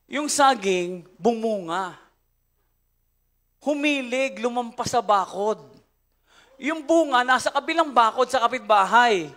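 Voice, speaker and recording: A man's voice: extremely high pitch, expressive, takes it slowly, long pauses, bright, forceful tone. A man with a Filipino accent preaching a church sermon, telling stories with frequent laughter and switching between Tagalog and English. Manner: storytelling, laughing often, mixing English into Tagalog. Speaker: pastor. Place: church service.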